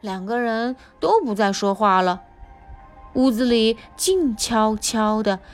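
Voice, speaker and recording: A mother reading a children's picture book aloud to her kids, with an expressive, sing-song telling. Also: a little high, slow, faint music behind. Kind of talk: children's storybook narration.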